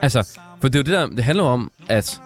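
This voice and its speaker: A man of middling pitch chats casually about a record with his co-host, chiming in with short agreements and restarting his sentences. Faint music plays quietly under his voice. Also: expressive. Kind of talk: casual music review chat.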